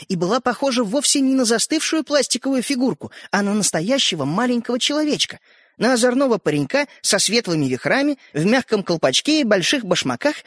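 A man narrates a children's story with a high, animated voice. His reading is expressive, and the recording is dry and close. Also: no room sound.

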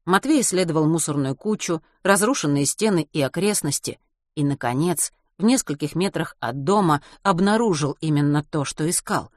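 Woman, audiobook narrator, steady storytelling, lowish voice, dry recording. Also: normal speed, dry recording.

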